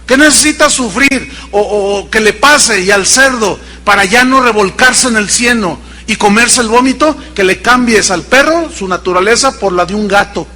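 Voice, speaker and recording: A man preaching a sermon as pastor, telling a story with emphatic pauses and a pace that speeds up and slows down. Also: sits high, sharp tone, in a large hall. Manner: storytelling preacher, shifting between quick and slow, emphatic pauses. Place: church sanctuary.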